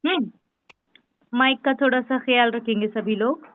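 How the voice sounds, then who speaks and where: A woman with a slightly high voice leads an online class, sounding out each letter slowly and repeating it so it sticks. The audio is dry and narrow, like a phone line. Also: dry recording. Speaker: Urdu teacher. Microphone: online class call. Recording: tinny phone-like call audio.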